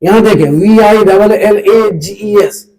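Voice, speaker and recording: A man teaching an English pronunciation lesson to pupils, slowly repeating and spelling out sounds. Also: high-pitched, a little mellow, low-quality recording.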